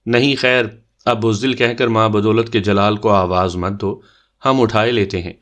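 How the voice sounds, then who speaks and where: A man's voice: lowish voice, fairly even intonation, a bit bright, natural voice. A man voicing a huffy proud young woman. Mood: indignant. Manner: indignant, huffy.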